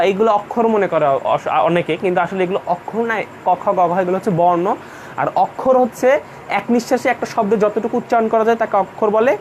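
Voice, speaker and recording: Slight background noise accompanies a high-pitched man giving an online English grammar class in Bengali. He is patient in his explanations and repeats each point a second time.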